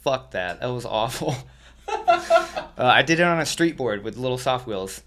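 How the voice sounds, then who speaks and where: A man's voice: mid-range voice, expressive, moderate pace, background noise. A young man, a podcast guest, telling laid-back stories with lots of swearing and laughter. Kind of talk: casual storytelling.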